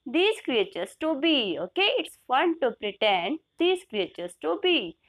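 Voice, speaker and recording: Indian lady teacher going really slow, kinda high voice, mixes hindi and english, keeps asking okay?. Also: big pitch swings, a bit bright. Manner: slow, drawn-out recitation with rising checks like "okay?"; switches between English and Hindi to explain words. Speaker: regular teacher of the channel. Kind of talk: classroom lesson explaining a poem.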